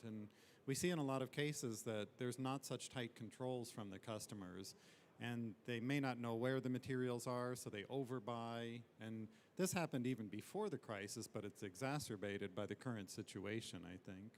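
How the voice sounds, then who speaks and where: A man's voice: medium pitch, a little hiss or hum. A man answering as a guest on an industry panel, explaining his views in a thoughtful way.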